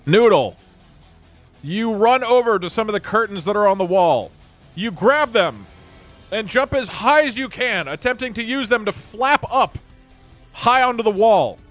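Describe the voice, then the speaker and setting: A high-voiced man running a tabletop fantasy game as game master, setting scenes and calling for rolls. He narrates briskly and breaks in with lively, incredulous asides. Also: faint music behind.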